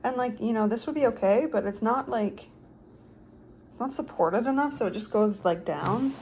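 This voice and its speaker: A woman's voice: on the high side, normal speed, a little mellow, slight background noise. A young woman vlogging casually at home, rambling through a story with lots of "like" and restarts. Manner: rambling, filler-heavy storytelling with frequent "like". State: out of breath. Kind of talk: casual vlog chat. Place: home, basement apartment.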